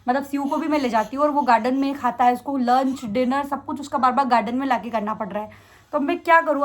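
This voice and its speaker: A young woman vlogger answering viewer questions in a fast, chatty way. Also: high voice. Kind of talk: casual Q&A chat.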